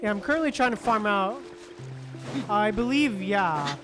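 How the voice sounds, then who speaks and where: With game music in the background, a streamer talks through gameplay live and casually, muttering, repeating himself, and dropping the occasional offhand curse. The voice is medium-pitched, expressive, and a little slow.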